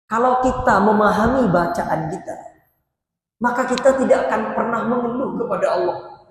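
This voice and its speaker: A man's voice: high-pitched, moderate pace. Man preaching in a very echoey mosque hall. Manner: asks the crowd rhetorical questions and answers them. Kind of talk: sermon. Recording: very echoey hall with long reverb, faint noise.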